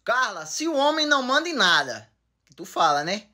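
A man's voice: very high-pitched, sing-song, a little fast, pushed and bright. A man hosting a couple's comedy Q&A, teasing his partner and giving mock-wise answers to viewer questions. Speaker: comedy couple channel host. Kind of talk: joking couple Q&A.

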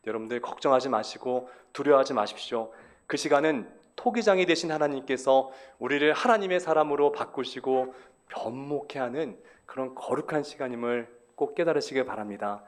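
A male pastor preaching a sermon, stressing words emphatically and asking the congregation rhetorical questions. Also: medium pitch.

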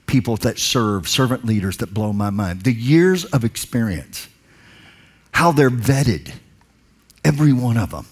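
Dynamic preaching man on stage. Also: mid-range voice. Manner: dynamic preacher, swings from hushed to loud emphatic calls. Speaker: pastor. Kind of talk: sermon. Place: large dark stage, indoors. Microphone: headset mic.

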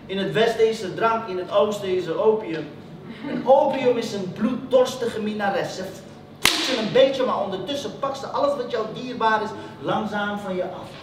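A man performing a spoken-word story on stage, animated and emphatic. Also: sits high, moderate pace. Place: stage in a hall. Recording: echoey stage, from far off, room noise.

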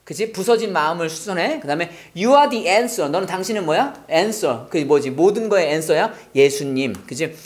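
Brief: teacher, animated, quick-fire questions, drills English pronunciation from song lyrics. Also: medium pitch. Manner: lively, asks and answers own questions. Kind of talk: worship-song English lesson.

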